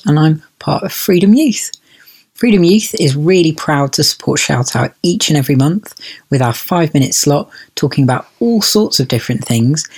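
A man's voice: on the high side, a little mellow, slightly rough. Young man reading a scripted segment. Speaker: youth project member.

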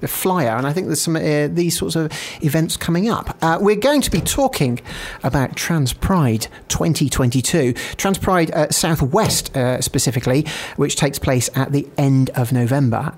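A man's voice: fairly high pitch, measured pace, few pauses, a little mellow. A man hosting a radio show in a studio, chatting casually and interviewing a guest, hesitant with many fillers and restarts.

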